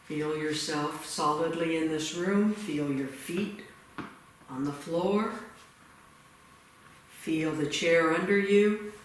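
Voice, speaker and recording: A man guiding a meditation in a retreat room, giving slow, soft-spoken instructions. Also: a little high. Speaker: meditation leader. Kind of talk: guided meditation. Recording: echoey room, distant mic, faint hiss.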